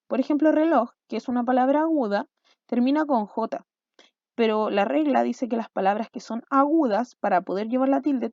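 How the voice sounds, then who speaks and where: A woman teacher talks through a recorded lesson, pausing often to check her students follow along. Her voice sits fairly high but has a mellow, warm tone. The recording is dry and slightly dull, lo-fi. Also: no echo. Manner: explanatory, checks in with "¿ya?" and "¿cierto?". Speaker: school language teacher.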